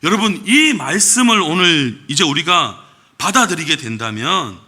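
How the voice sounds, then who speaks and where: A man's voice: fairly high pitch, very animated, normal speed, bright, forceful tone. A man preaching a Sunday sermon as pastor, acting out the voices of the people he quotes.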